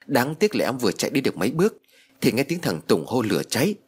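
A man's voice: medium pitch, huge pitch swings, fast talker, husky. A man voicing a grieving middle-aged woman who wails and pleads. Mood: anxious. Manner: wailing, pleading.

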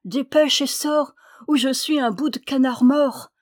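A woman's voice: animated, moderate pace, natural voice. A woman voicing a plucky little male duck who keeps crying out for his money in a storybook. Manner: shrill, insistent crying out.

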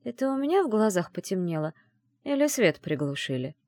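Expressive woman narrating a story. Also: mid-range voice, fairly quick, dry recording, studio quality. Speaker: audiobook narrator. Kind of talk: first-person fantasy narration.

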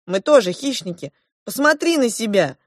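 A haughty storybook boy prince who talks down to his rival, put on by a woman reading aloud. The voice sits high and lively, with a pushy, lecturing edge. The recording is close and dry. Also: moderate pace, no room sound. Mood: boastful. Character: boastful young underwater prince, boy, proud and argumentative.

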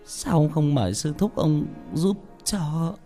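A man's voice: mid-range voice, lively intonation, moderate pace, a little mellow, faint music behind, close to an everyday voice. A man voicing a worried old wife who frets and stammers. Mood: anxious. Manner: fretful, stammering.

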